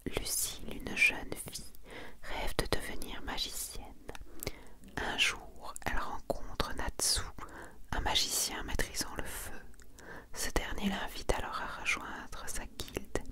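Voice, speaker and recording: In a soft, hushed whisper, a woman hosts an ASMR video showing off her manga collection. She unhurriedly reads summaries aloud and adds casual remarks.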